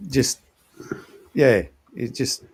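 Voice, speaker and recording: A man chatting casually about films in a halting, easygoing way, often humming agreement. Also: mid-range voice, slight background noise. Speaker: show host. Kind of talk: casual chat.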